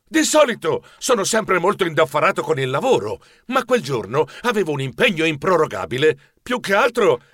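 A man reading a children's audiobook with a playful, highly animated delivery. His voice sits high and leaps around wildly. The studio recording is dry and close. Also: normal speed, no echo. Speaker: audiobook narrator. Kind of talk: expressive audiobook narration.

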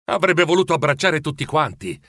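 A man reading a storybook aloud in an expressive, animated way. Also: fairly high pitch, a little fast, no room sound, studio quality. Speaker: narrator. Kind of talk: storybook narration.

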